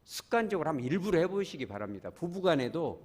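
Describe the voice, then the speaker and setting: A fast-talking pastor with a voice on the high side gives his Sunday sermon in the church sanctuary. He brings it to life by acting out prayers, quotes and small scenes, and he calls on the congregation to take part.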